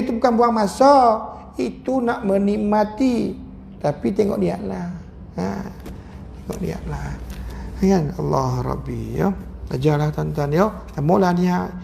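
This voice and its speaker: A man with a Malaysian accent giving a lively mosque lecture as a religious teacher, joking and acting out voices. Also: on the high side, gravelly, slight background noise. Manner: animated, jokey, acts out voices.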